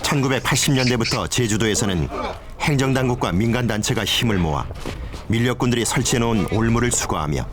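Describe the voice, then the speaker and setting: A man's voice: mid-range voice, animated, fast talker, noisy background. A man reading scripted narration for a nature documentary as its narrator.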